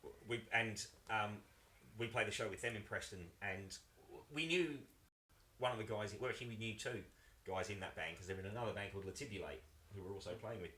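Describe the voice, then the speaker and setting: A man's voice: on the low side, brisk, bright, forceful tone. A middle-aged man, hosting a casual chat over drinks and rambling with frequent restarts. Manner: rambling, restarts often, chatty. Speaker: show host and band member. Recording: roomy studio echo.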